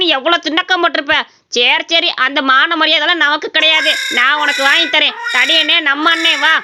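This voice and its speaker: Mouthy young village guy, woman voicing, bright high voice, talks fast and bossy. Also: highs cut off. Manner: bossy, mocking. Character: brash young village man, cheeky and bossy. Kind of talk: cartoon voice acting.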